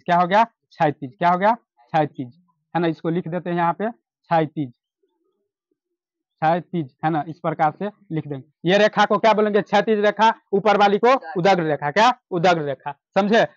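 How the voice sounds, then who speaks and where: A man's voice: high-pitched, no echo, dull audio. A man teaching math, asking his class a question and answering it himself, repeating each key term. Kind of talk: classroom lecture with call-and-response questions.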